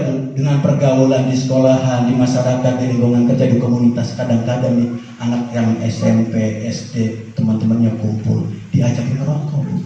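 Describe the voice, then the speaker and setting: Guy preaching to moms, voice jumps high then low, sounds far off in a big echoey hall, kinda muffled. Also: slight background noise. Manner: animated, swings between high and low pitch, addresses audience as "Bu". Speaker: Islamic preacher. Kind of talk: sermon on parenting to mothers. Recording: echoey, distant, dull lo-fi hall recording.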